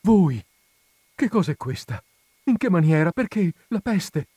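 A man voicing a gentle young woman who speaks softly and tremblingly. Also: mid-range voice, normal speed, no room sound, close to an everyday voice. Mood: trembling, astonished. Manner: soft, trembling.

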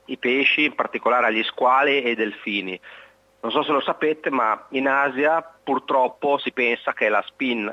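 A man's voice: mid-range voice, no echo. A middle-aged man speaking as a guest in a phone-in radio interview, heard over a phone line, explaining earnestly with many hesitant fillers.

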